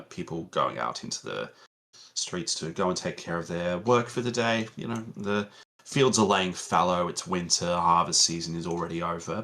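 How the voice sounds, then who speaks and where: A man narrating a tabletop game as game master in a relaxed, meandering way with many fillers. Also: deep voice.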